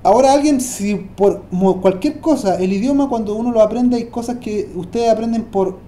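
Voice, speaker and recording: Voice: medium pitch, normal speed, warm tone, roomy sound, a little hiss or hum. Hesitant teacher. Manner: hesitant, repeats words while thinking aloud. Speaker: Hebrew teacher. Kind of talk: online language lesson.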